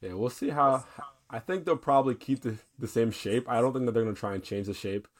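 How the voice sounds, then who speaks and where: A man's voice: mid-range voice, brisk. A man speaking as a guest on a casual sports podcast, agreeable and stumbling over restarts.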